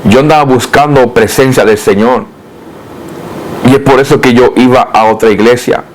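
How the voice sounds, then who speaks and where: A middle-aged man, a pastor, earnestly telling his testimony in a podcast interview, calling the listener brother and rising in pitch when he relives his prayers. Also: normal speed, a little hiss or hum, rough recording. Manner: rises and gets louder when reliving prayers.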